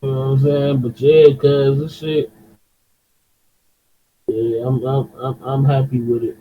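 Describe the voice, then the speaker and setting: A man from Detroit with a Detroit accent, talking in animated slangy chat on a podcast. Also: mid-range voice, unhurried. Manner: animated, slangy, repeats himself. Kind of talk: casual chat. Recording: dull lo-fi sound.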